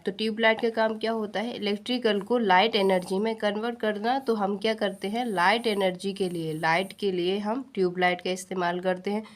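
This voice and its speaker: With a mid-range voice, this Indian woman runs a science lesson aimed at exam prep, mixing in English technical terms. She raises questions, answers them herself, and keeps repeating the main points.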